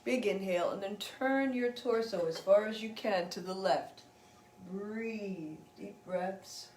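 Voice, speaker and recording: A woman leads a gentle yoga stretch class, chatting warmly and encouraging between breathing cues. Her voice sits at an ordinary middle pitch. It is recorded in a roomy home space with a faint hum behind her. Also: takes it slowly. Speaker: yoga instructor. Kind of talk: guided gentle yoga instruction.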